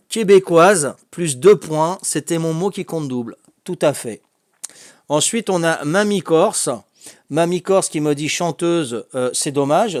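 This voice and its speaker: A man with a Corsican French accent hosting a casual family quiz, chatty and quick to laugh as he reads out the answers. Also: on the high side, a little mellow, no room sound, clean studio sound. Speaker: quiz host.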